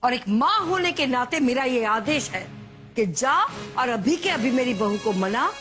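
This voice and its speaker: A doting mother in a TV serial who fusses and scolds with great theatrical flair. Her voice is high and swings widely in pitch. Music plays underneath. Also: animated, measured pace. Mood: scolding. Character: doting melodramatic mother of a grown son. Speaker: mother-in-law.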